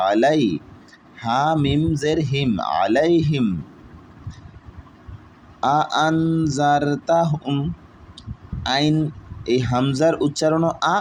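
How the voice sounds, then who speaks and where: A man gives a Quran reading lesson at a very slow, deliberate pace, sounding out each letter and vowel mark one at a time before he joins them into a full word. His voice sits at an ordinary middle pitch. Faint traffic noise runs behind him. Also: darkish tone, poor audio. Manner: spells out each syllable slowly, then reads the word whole. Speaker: Quran teacher.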